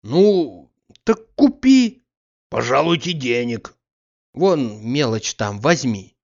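Man voicing Oblomov, lazy dreamy gentleman. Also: mid-range voice, very animated, slow pace, gravelly, heavily acted. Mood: insistent. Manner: drowsy, wistful, then fussy. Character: lazy dreamy gentleman landowner, male, middle-aged. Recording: slightly muffled audiobook recording.

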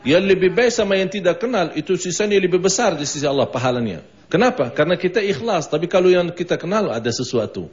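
A man's voice: high voice, big pitch swings, fast talker, hardly any pauses. A man with an Indonesian accent giving a mosque sermon, telling a story, acting out the voices and chanting phrases of remembrance, on a dull lo-fi broadcast recording. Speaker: preacher.

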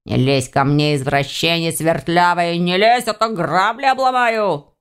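Woman voicing a gruff low forest spirit. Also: unhurried, natural voice. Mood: indignant. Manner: blunt, grumbling. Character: gruff young male forest spirit, rude.

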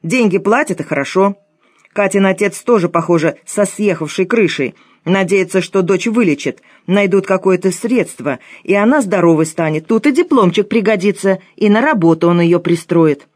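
A woman's voice: mid-range voice, expressive, normal speed, a little mellow, no room sound, clean studio sound, lightly acted. A woman reading an audiobook, voicing a brusque, dismissive middle-aged woman official.

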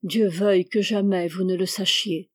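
A woman voicing a grieving, feverish young woman in love, speaking in a slow, tender, pleading way. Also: mid-range voice, steady tone, natural voice.

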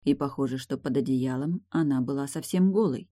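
A woman reading a novel aloud in a steady, matter-of-fact audiobook narration. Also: rumbling low, a little fast, no echo. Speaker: audiobook reader.

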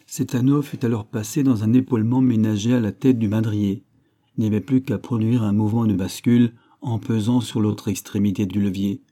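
A man's voice: fairly even intonation, a little fast, warm tone. A man reading a classic adventure novel aloud, lifting his voice for the characters' lines. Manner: reads dialogue with raised pitch and force. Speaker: audiobook reader. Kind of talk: scripted narration of a classic novel.

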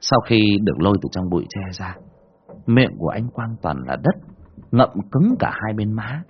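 A man narrating a horror story in an expressive, dramatic way. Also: fairly low pitch, normal speed, slight background noise. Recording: dull lo-fi recording.

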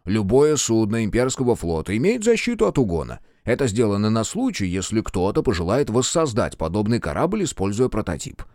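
A man's voice: fairly low pitch, big pitch swings, a little fast, few pauses, darkish tone, no echo, studio quality. A man voicing a cynical male pilot who speaks in a sardonic, matter-of-fact way. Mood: explaining.

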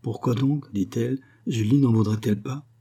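A man reading the part of a timid, unhappy wife, pleading softly. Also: medium pitch, moderate pace, gravelly, slightly rough.

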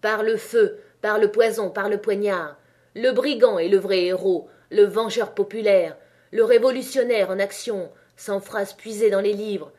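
Woman voicing a quiet, fanatical male anarchist. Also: mid-range voice, fairly even intonation, normal speed, lightly acted. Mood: fervent. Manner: soft, then fervent.

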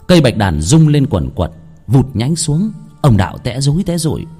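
Man, ghost story narration, dramatic delivery, animated pitch, faint background music. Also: moderate pace, husky.

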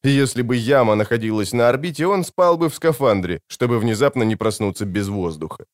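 A male audiobook narrator with a mid-range voice and a very lively, animated intonation. The recording is dry and close, with no room sound. His reading stays expressive. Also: medium pitch, brisk, no room sound.

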